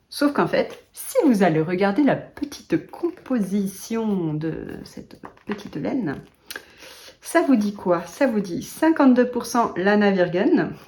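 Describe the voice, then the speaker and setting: A woman's voice: medium pitch, a little mellow. Woman, yarn-shop knitter, casual vlog chatter: chatty, self-mocking, laughs a lot, lots of hesitations.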